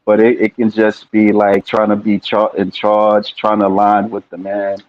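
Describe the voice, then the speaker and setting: A man hosting an interview over a video call, asking questions in a halting, hesitant way. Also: lowish voice, monotone. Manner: halting, hesitant, many ums and restarts. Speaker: interview host. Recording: dull lo-fi audio.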